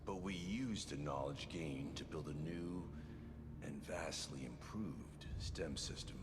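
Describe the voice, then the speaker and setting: An actor playing the grandiose leader of a sinister organisation in a video game, making measured, pompous speeches. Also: male voice, rumbling low. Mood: grandiose, visionary. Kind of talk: dramatic video game acting. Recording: long hall reverb, clear background noise.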